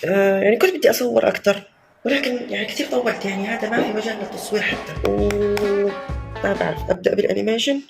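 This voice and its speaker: Speaking very fast with vocal fry, this young amateur animator and vlogger keeps his high voice steady while music plays underneath. His Levantine Arabic accent colors a casual, self-mocking video diary that occasionally slides into jokingly formal Arabic.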